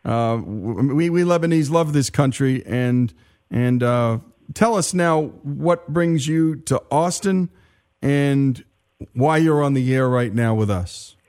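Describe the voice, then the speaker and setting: A man hosting a radio talk show, introducing guests in a brisk, conversational, emphatic way. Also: mid-range voice, a little mellow. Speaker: radio host.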